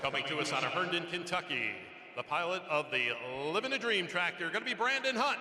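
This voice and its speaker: High, swooping male tractor pull announcer. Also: animated, brisk, crowd noise. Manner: showy announcer delivery, drawing out introductions. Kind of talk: live arena announcing of a competitor lineup. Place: large indoor arena. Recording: echoey arena PA with noise.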